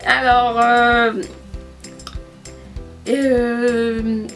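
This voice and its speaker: A woman's voice: on the high side, level tone, drawn-out words, a bit bright, soft background music. A young woman from Haiti talking casually to camera as a vlogger, proud and emphatic, with many fillers and restarts.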